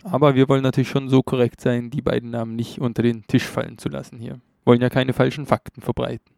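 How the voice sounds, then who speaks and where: A man's voice: mid-range voice, level tone, fast, vocal fry, a little mellow, no room sound, studio quality. A man narrating a travel story as a vlogger, chatty and wry.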